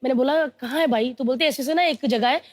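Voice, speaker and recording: As a guest in an interview, a woman from India in her thirties tells the story of her life in a high-pitched voice. Her manner is slow and earnest, with English words woven into her speech.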